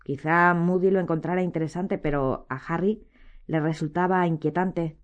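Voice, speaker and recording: Woman reading an audiobook, low and measured. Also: fairly even intonation, highs cut off. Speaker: narrator. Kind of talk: audiobook narration.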